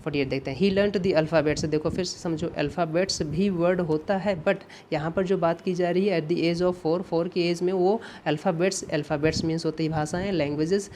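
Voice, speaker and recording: Teaching English grammar for exam preparation, this male instructor explains patiently, goes over points again, and keeps checking in with students using "ठीक है" and "है ना". His fairly high, darkish voice stays steady as he reads example sentences slowly and carefully, over slight background noise.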